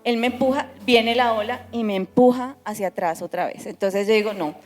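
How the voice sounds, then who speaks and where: A woman giving a testimony at a church service, telling her story in an animated way with frequent restarts. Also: fairly high pitch, fairly quick, big-room sound, faint music behind. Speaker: pastor.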